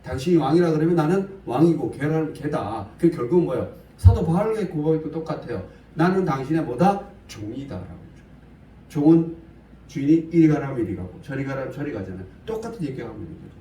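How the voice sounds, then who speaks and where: A man's voice: a little high, expressive, fast talker, warm tone, roomy sound. Man, pastor, chatty blunt sermon, questions to the congregation, faint hiss, distant mic. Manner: casual and blunt, asks the listeners questions. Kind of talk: conversational Bible study sermon.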